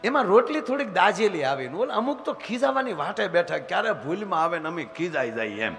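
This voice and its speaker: A man's voice: sits high, very animated, brisk, creaky, a bit bright, faint music behind. A man, a folk comedian telling rustic comic stories on stage and acting out the voices in them. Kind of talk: live comic storytelling. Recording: reverberant stage hall.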